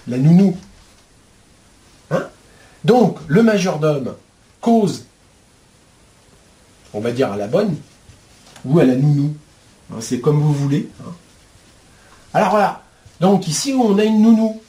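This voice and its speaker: A man teaching spiritual ideas to his viewers in a casual, colloquial way, with a steady stream of "hein" and "euh". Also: on the high side, slow pace, pauses often. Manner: chatty, explains with homely metaphors.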